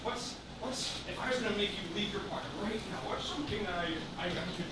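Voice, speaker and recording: Man playing a high-voiced, vain pretty boy, echoey stage. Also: natural voice. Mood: smug, teasing. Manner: boastful, drawn-out theatrical delivery. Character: vain preening self-declared prettiest boy in the world. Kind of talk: absurd live character comedy with crowd work. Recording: echoey noisy room, far from mic.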